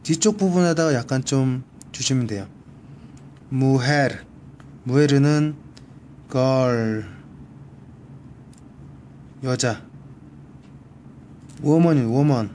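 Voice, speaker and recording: A man's voice: mid-range voice, slow pace, long pauses, mellow, slight background noise. A man teaching a one-on-one Spanish grammar lesson, patiently repeating each word for practice. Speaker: Spanish tutor. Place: library.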